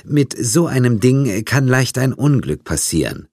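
Guy voicing a polite sarcastic woman assistant, pitched up a bit, dry close audiobook sound. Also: sing-song, measured pace, darkish tone, dry recording. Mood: wry. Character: polite, wry female assistant. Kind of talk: audiobook character voice.

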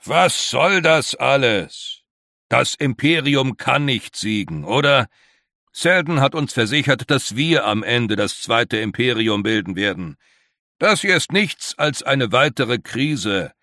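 A man's voice: mid-range voice, big pitch swings, slow pace, bright, forceful tone, no echo, pitched above the performer's own voice, full character voice. A heavyset, irritable older councilman, as a male reader puts him on, who speaks with impatience. The sound is close and dry. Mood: irritated.

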